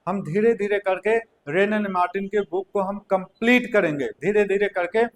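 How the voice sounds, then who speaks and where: High-voiced male teacher. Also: normal speed, a little hiss or hum. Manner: repeats key points, checks in with "theek hai". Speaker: English teacher. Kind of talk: classroom lecture.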